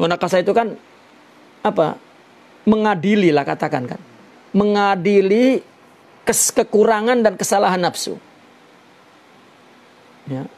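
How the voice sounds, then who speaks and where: A man teaching a religious lesson on a Sufi text, slow and deliberate, explaining Arabic terms with many "ya" fillers. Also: sits high, darkish tone.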